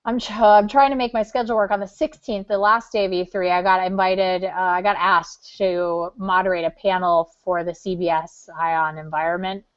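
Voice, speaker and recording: A woman from California, co-hosting a podcast, chatting casually with lots of fillers and animated storytelling. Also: fairly low pitch, moderate pace, few pauses, muffled recording. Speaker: podcast co-host. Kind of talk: casual after-show chat.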